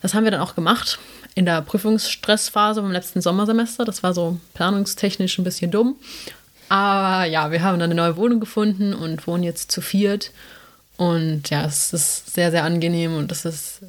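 Speaking at normal speed in a lowish, fairly even voice, a young woman co-hosts a podcast, her South Tyrolean German accent marking her as from South Tyrol, Italy. The talk is casual and meandering, full of fillers.

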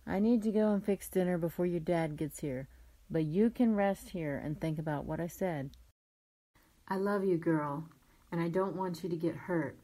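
A woman voicing a caring mother in a children's story, speaking calmly in a low, gently firm tone. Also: moderate pace, no echo, natural voice.

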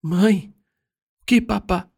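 A man's voice: sits high, slow pace, gravelly, a little mellow, breathy edge, voice pushed up, heavily acted. A man doing a sobbing hurt young woman. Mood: frightened.

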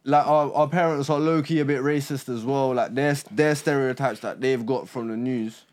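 A man's voice: medium pitch, steady tone, moderate pace, a little mellow. A man with a London roadman accent explaining his view casually in slang, often checking that he is understood. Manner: peppers talk with tags like a check for agreement.

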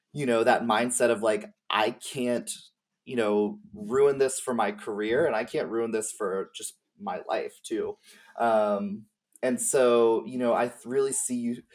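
Discussing game lore as a guest on a podcast, this man speaks in a mid-range voice. His conversation is relaxed and informal but halting, peppered with slang and occasional swearing.

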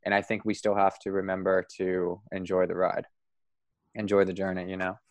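A man hosting a podcast interview, talking in a relaxed, rambling way and laughing easily. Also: low-pitched, moderate pace, no room sound. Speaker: podcast host. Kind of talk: casual interview chat.

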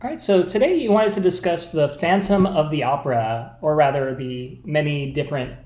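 A man's voice: on the high side, moderate pace, darkish tone. A man hosting a podcast in casual, conversational style, recorded in an echoey room. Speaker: podcast host. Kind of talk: casual chat. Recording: roomy echo.

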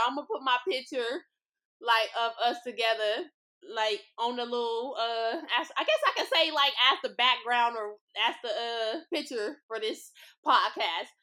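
A young woman from Los Angeles hosting a casual storytelling podcast, chatty and excitable, swearing freely. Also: a little high. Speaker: podcast host.

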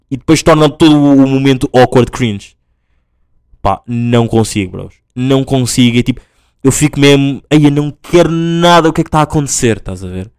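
A man's voice: mid-range voice, a little mellow, clean tone, no room sound. A young man from Portugal, hosting a casual solo podcast and rambling through stories with lots of fillers and restarts. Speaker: podcast host.

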